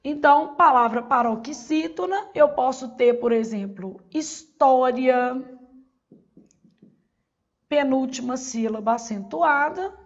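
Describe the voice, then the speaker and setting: A woman's voice: high-pitched, gravelly, lo-fi sound. A Brazilian woman teaching a Portuguese exam-prep lesson, asking questions and answering them herself. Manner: didactic, asks and answers her own questions.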